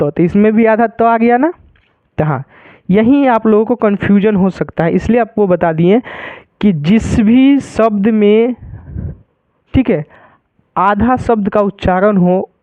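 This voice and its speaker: A man teaching Hindi grammar who explains slowly and keeps repeating each example as a question to his students. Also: high-pitched, dry recording. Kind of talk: grammar lesson. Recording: tinny phone-like sound.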